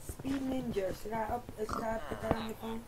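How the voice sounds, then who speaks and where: A woman's voice: on the high side, fairly even intonation, brisk. A mother talking in the background at home, away from the mic, insistent and repeating herself. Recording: distant voice in a noisy room.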